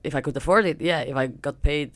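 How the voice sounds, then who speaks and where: A woman in her thirties in a relaxed podcast conversation. She talks bluntly, with wry self-mockery. The recording is close and free of room sound. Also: deep voice, fast talker, dry recording. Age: 30s. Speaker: podcast co-host. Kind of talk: casual chat.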